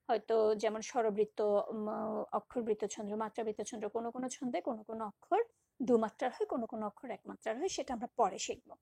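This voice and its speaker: Woman teacher, husky gravelly voice, fairly high, patient, drawn-out syllables, dry close sound. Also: mellow, dry recording. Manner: patient, repeats and draws out syllables. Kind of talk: recorded lecture on poetic meter.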